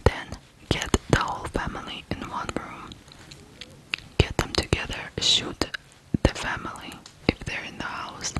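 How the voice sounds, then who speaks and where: An ASMR host from Ukraine narrates true crime in a hushed, deliberate manner, pausing between short phrases. The recording is rough.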